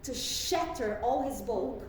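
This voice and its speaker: A woman's voice: on the high side, animated, slow. A woman working as a drama coach, giving instruction and modelling classical monologue lines to be repeated. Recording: echoey room, distant mic, faint noise.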